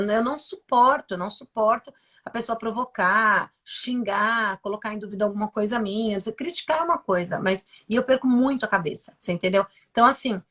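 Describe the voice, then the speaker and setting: On a live stream, the Brazilian neuroscientist talks frankly and emphatically about her life, her speech dotted with fillers and repeated words. The voice is fairly high, pushed and bright, with a slight roughness and a Brazilian Portuguese accent.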